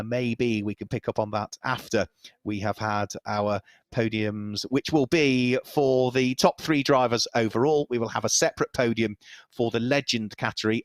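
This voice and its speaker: A man calls a motor race live in a steady, informative commentary voice. His voice sits in a middle register and is recorded close and dry, with no room sound around it. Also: medium pitch, no room sound.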